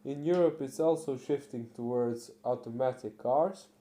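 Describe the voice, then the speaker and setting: A teenage boy vlogging casually, halting with fillers and restarts. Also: medium pitch, warm tone. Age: teens. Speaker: car vlogger. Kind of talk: casual vlog talk.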